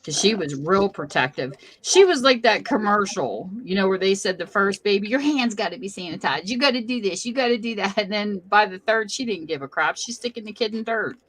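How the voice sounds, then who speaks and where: A middle-aged woman hosting a casual chat, telling animated family stories. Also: medium pitch, a little fast, few pauses, a little hiss or hum, low-quality recording. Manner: chatty, animated storytelling. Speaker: host.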